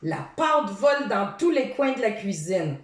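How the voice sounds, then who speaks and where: A woman reading a children's picture book aloud, pausing to ask her young listeners questions. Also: medium pitch. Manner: slow, animated, quizzes young listeners. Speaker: storyteller for children. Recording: roomy, distant from the mic.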